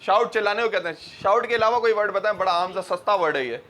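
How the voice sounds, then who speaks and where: A man's voice: sits high, sharp tone. A man with a Pakistani accent teaching English grammar in a classroom, quizzing students and switching between Urdu and English. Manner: slows and stretches English example sentences.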